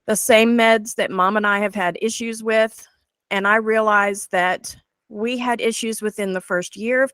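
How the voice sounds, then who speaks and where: A woman's voice: on the high side, a bit bright, smooth, no room sound. Woman in her 40s sharing her story on a video call, heartfelt, dry sound. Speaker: guest presenter. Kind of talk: personal story presentation.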